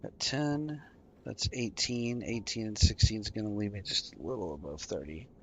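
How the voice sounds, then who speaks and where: A man's voice: on the low side, normal speed, slight background noise. A tired man streaming a game, casually explaining each move as he plays. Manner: relaxed, explaining while playing, yawning. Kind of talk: casual gameplay commentary. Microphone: desk microphone.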